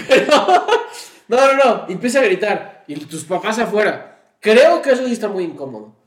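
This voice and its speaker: A high-voiced man with a Mexican Spanish accent cracks crude jokes in casual podcast banter. His voice sits in an echoey room. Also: very animated, normal speed. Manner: crude joking, playful tangents. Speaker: podcast co-host. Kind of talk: casual chat.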